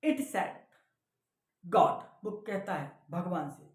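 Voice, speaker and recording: A man's voice: sits high, drawn-out words. Man, Indian accent, teacher explaining a lesson, mixes Hindi and English, checks in with students, echoey room. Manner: explains line by line in Hindi and English, often asks "clear hai beta".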